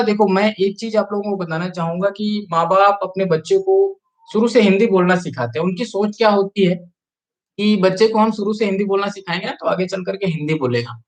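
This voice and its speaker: A man's voice: high voice, low-quality recording. A man chatting casually on a live stream, reading out viewer comments and urging people to like the video. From Chhattisgarh, India. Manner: chatty, reads out viewer comments and urges likes.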